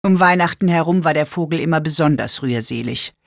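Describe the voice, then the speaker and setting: A woman with a lively storytelling manner, reading a children's story aloud. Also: low-pitched, a little fast, creaky, dry recording, clean studio sound. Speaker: narrator.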